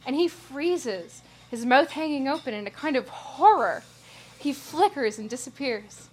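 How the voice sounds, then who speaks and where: A woman reading a story in a measured, even narration. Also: high-pitched, a little hiss or hum. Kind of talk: scripted narration.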